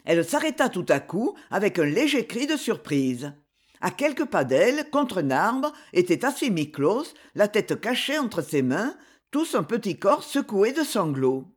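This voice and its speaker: A woman narrating a story in an expressive, melodic reading. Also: medium pitch, measured pace, husky. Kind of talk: scripted narration.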